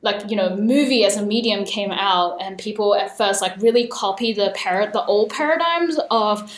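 A woman's voice: mid-range voice, moderate pace, reverberant. A young woman raised in Australia and Hong Kong, talking thoughtfully as an interview guest, with many fillers. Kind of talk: casual interview conversation.

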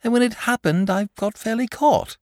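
A man's voice: high voice, normal speed, dry recording, clean studio sound, voice pushed up, natural voice. A man voicing a lazy, talkative, genial male dragon in a fussy, hasty, old-fashioned manner. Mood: chatty.

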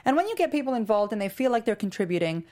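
A woman's voice: mid-range voice, sing-song, very fast, darkish tone. A woman co-hosting a TV after-show, chatting casually and playfully. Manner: conversational, playful, many fillers. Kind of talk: casual chat.

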